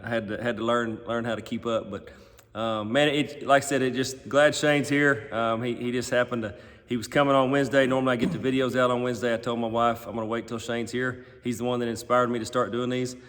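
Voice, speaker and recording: A man hosts a casual chat at a middle pitch. He speaks in a halting, folksy manner, and his words ring with long echo inside a barn. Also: fairly even intonation, fairly bright tone. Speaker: host.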